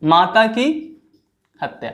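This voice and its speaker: Guy teaching vocab for exams, talks real slow, stretches out each word and keeps asking if you got it. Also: high voice, expressive, fairly bright tone. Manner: repeats each word slowly, drawing it out; asks students questions and checks their understanding. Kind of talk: exam vocabulary lesson.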